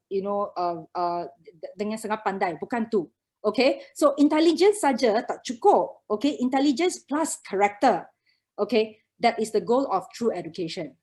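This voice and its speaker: A woman's voice: fairly high pitch, a little mellow. A woman with a Malaysian accent giving an informal conference talk as a preschool educator, mixing Malay with English and punctuating her points with short checking words. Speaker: guest speaker, preschool educator.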